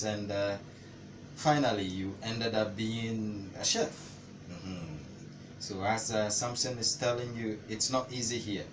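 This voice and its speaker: Low-voiced man host, echoey and distant. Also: noisy background. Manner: hesitant, with many fillers. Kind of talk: casual interview.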